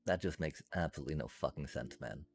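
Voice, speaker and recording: Gravelly deep-voiced man ranting at a game. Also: fast, soft background music. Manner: frustrated, profane ranting with frequent laughs. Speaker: streamer. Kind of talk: casual gameplay commentary.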